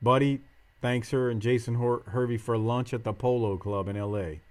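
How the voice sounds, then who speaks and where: A man's voice: mid-range voice, steady tone, moderate pace. A man hosting a wrestling podcast, giving casual, slangy match recap commentary. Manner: slangy, informal.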